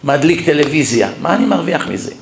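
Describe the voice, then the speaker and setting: A man's voice: fairly high pitch, echoey room, slight background noise. A rabbi preaching to a lecture audience, mixing humorous personal stories into his sermon. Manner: lively anecdotal preaching with humor. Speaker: rabbi giving a public lecture. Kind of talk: sermon with storytelling. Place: lecture hall.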